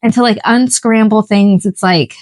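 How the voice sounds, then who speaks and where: A woman's voice: mid-range voice, normal speed, a little mellow, no echo, poor audio. A woman co-hosts a casual podcast chat in a mid-range voice. She rambles and makes self-deprecating jokes, often trailing off mid-thought. The sound is close and dry. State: just recovered from flu. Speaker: podcast co-host.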